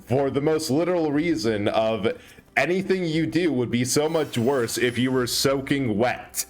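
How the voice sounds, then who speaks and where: A man's voice: mid-range voice, a little slow, soft background music. A man streaming a game, chatting casually and laughing often as he jokes. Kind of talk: casual chat while gaming.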